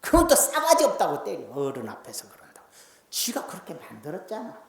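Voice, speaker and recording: A male pastor preaching a Sunday sermon in a lively, folksy way, swinging from loud declarations to hushed asides. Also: on the high side, brisk. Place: church sanctuary. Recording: roomy church sanctuary echo.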